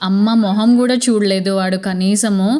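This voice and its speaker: A woman in her thirties narrates a family vlog with a Telugu accent. Her tone is soft and emotional, and she explains each step patiently. Her voice sits at a medium height. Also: medium pitch, steady tone, moderate pace. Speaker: vlogger.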